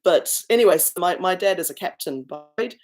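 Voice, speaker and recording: A woman's voice: lowish voice, animated, fairly quick. Chatty woman with a mixed South African accent. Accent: mixed South African and New Zealand. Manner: chatty, rambling, answers viewer comments. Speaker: singer hosting a livestream. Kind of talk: casual livestream chat. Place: rented rural schoolhouse with a lake view.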